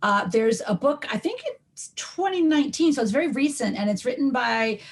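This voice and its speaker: A woman's voice: a little high, animated, normal speed, breathy edge. A middle-aged woman from New York, a linguistics professor as podcast guest, explaining at length with frequent ums and restarts. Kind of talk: conversational podcast interview.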